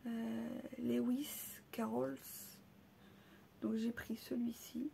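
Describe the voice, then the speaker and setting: A woman casually showing off souvenirs she bought on a trip, hesitant, with many pauses and fillers, and often dropping into soft half-whispers. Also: a little high, little pitch movement, gravelly, a little hiss or hum. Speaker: vlogger showing a shopping haul. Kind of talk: casual haul video.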